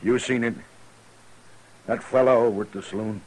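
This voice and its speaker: An actor playing a frightened, desperate gunfighter in a 1950s radio drama, pleading and stammering, heard as an old radio show broadcast with a faint hiss. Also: male voice, mid-range voice, fairly even intonation, normal speed, darkish tone, low-quality recording.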